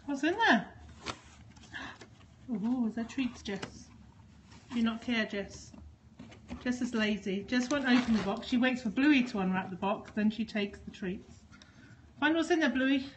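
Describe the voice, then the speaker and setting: Slow-talking woman coaxing her dogs. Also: a little high, background noise. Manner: coaxing, sing-song praise to pets. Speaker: dog owner filming an unboxing. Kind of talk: casual talk to her dogs while unboxing.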